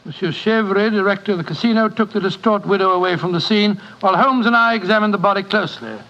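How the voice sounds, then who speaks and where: An actor playing an earnest, hesitant English doctor with a British accent and a blustery, halting manner in a 1940s radio drama. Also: male voice, high-pitched, bright, forceful tone. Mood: sombre storytelling. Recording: dull, noisy 1940s radio recording.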